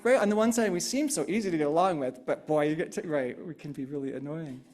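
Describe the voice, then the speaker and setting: Against a noisy background, a medium-pitched speaker talks fast through an interactive sermon, keeping it conversational with frequent "right?" tags. They echo the congregation's answers, repeating and riffing on them.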